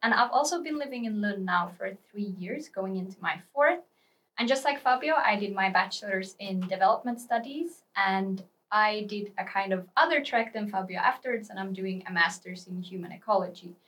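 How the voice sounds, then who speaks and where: A young woman from Finland talks as a student guest on a podcast, explaining her ideas in a thoughtful, steady way. Her pitch is in the middle for a woman. She sits a little back from the microphone. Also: normal speed, distant mic. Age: young adult. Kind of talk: casual interview talk.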